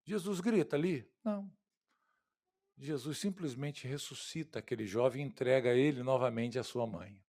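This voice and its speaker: A man with a Brazilian Portuguese accent preaching an expository sermon, swinging from loud, emphatic lines to hushed, quiet ones and calling his listeners "queridos" and "irmãos". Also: mid-range voice, normal speed. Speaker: pastor.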